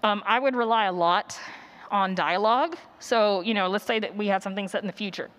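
A woman workshop presenter, medium-pitched and a bit bright, talks a little fast as she teaches. Her style is friendly and encouraging, and she answers questions from people gathered in a conference room.

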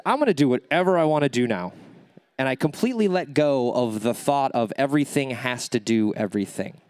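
This is a dry recording of a man with a nasal, medium-pitched voice leading a live workshop from an event stage. He coaches the crowd with energy, fielding questions and asking "okay?" or "right?" to make sure they're following.

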